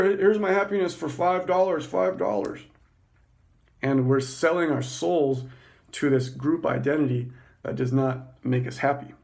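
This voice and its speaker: A man hosting a podcast, talking through philosophical ideas in an excited, fast, self-correcting monologue. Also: medium pitch. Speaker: podcast host. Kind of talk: casual spoken monologue on philosophy.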